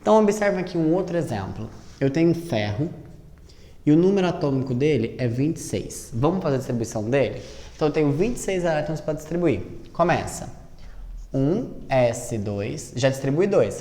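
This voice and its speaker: A man teaching chemistry, lively, asking and answering his own questions and spelling out each step slowly. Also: a little high. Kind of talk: classroom lesson at a board. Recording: roomy echo with long reverb.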